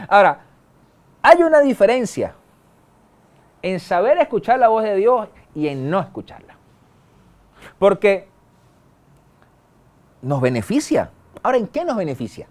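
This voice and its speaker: Man, pastor, sermon, high pitch, conversational, colloquial. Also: very animated. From Venezuela. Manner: conversational preaching with colloquial asides and quick bursts.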